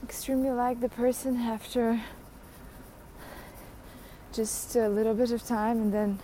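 A woman's voice: on the high side, steady tone, measured pace, warm tone, a little hiss or hum. A young adult woman hosting a podcast, rambling through a casual solo rant, mocking herself and laughing often. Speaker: podcast host.

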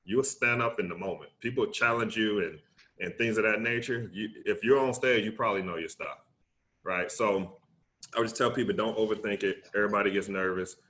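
A middle-aged man with a Southern US accent, talking casually and emphatically as a motivational interview guest, often checking his points with a quick tag question. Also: fairly low pitch, bright, forceful tone. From Alabama, United States. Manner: emphatic, conversational, often tags points with "right?". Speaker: interview guest, public speaker.

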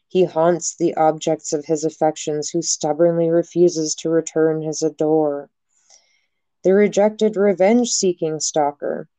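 Young woman hosting a podcast, low warm voice, blunt and jokey, swears a lot. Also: dry recording. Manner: frank, swears casually, jokey asides. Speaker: podcast host. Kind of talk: casual podcast chat.

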